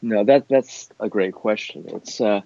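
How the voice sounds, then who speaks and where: A middle-aged man with a dark, relaxed, lowish voice talks like an academic in a thoughtful interview. His phrasing is discursive and hesitant, and the sound is dull and roomy. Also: a little slow, creaky. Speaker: university academic being interviewed.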